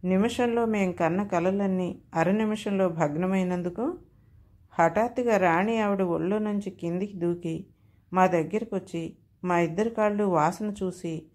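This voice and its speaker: A woman's voice: lowish voice, normal speed, a little mellow. Woman telling a comic audio story.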